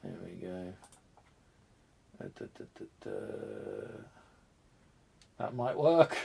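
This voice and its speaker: This retro computer channel host, congested from a cold, speaks slowly in a low, creaky, darkish voice whose pitch swoops wildly. He rambles and thinks aloud while tinkering with hardware on a live stream, poking fun at his own disorganisation, with slight background noise.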